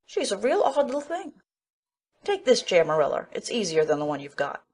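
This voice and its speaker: A woman's voice: mid-range voice, huge pitch swings, normal speed, darkish tone. A woman playing an outspoken, kindly but bossy older village woman who talks in blunt, folksy country speech in an audiobook drama. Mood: chatty, frank. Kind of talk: full-cast audiobook acting.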